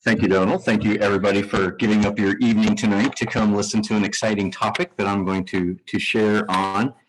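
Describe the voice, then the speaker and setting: A man from Kentucky with a Kentucky accent giving a presentation to an audience, relaxed and self-deprecating. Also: fairly low pitch, brisk, rough recording. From Kentucky, United States. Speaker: guest presenter. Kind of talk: conference presentation. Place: lecture room with live audience.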